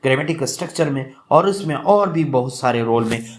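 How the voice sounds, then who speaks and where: A male teacher from Pakistan talks through a lesson at a mid-range pitch. He reads English example sentences slowly and carefully, then explains each point at length. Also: expressive, noisy background. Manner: slow, reading English examples aloud and explaining. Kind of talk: explanatory lecture.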